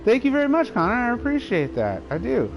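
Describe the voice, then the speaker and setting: A man's voice: very high-pitched, huge pitch swings, fairly quick, creaky, over music, low-quality recording. Chatty, rambling male streamer. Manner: rambling, chatty, laughs often. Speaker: live streamer. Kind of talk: casual chat while gaming.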